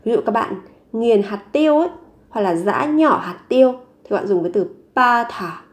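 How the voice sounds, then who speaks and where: A woman teaching a vocabulary lesson, saying each word three times slowly before explaining it. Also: a little high, expressive. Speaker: language teacher.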